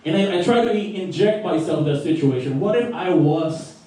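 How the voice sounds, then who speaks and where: High, expressive, and dark-toned at normal speed, this young man's Filipino-accented voice drives a profane stand-up set where he laughs at his own jokes. He is a comedian from the Philippines playing a small record store stage, heard through a distant, roomy live recording.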